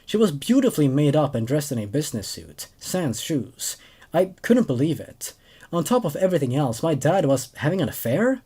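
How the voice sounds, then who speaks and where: This man in his twenties hosts and narrates a horror story show, reading tales aloud and chatting casually about them. His voice sits on the high side, sing-song and warm with a slight roughness, at normal speed. When commenting he sounds hesitant and repeats words.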